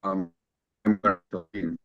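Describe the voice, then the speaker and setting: A man's voice: low voice, fairly even intonation, a little slow, no room sound, narrow, tinny audio. A man on a breaking-up video call in a committee meeting, asking brief, practical questions while his audio cuts in and out. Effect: choppy, breaking-up video call audio. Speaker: committee member.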